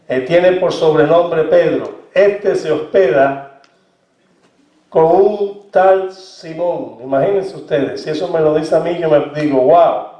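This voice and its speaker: Slow-preaching pastor, echoey church. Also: male voice, a little high. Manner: slow, conversational preaching with acted-out dialogue. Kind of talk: sermon. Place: church sanctuary. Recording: echoey, distant, dull church recording.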